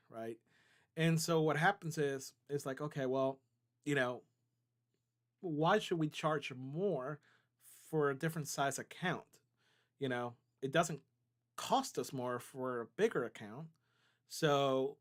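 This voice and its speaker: A man hosting a live stream, answering viewers' chat questions in a loose, conversational way, often checking in with "right?" and "okay?". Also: mid-range voice. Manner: loose, with many fillers and restarts. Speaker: trading company CEO hosting a live stream.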